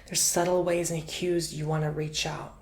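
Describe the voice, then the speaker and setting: A man giving an intimate, chatty ASMR tarot reading, drifting between soft speech and whispers and calling the listener honey. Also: a little high. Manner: repeats words for emphasis. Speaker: tarot reader.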